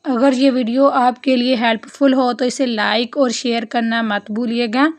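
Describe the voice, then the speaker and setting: High-voiced woman teaching vocabulary. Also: steady tone, normal speed. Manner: repetitive word-by-word drill. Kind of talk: scripted vocabulary lesson voice-over.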